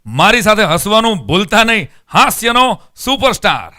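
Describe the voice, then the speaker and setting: Male promo announcer guy, punchy salesy read, high voice, dry studio. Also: sing-song, normal speed, sharp tone, no echo.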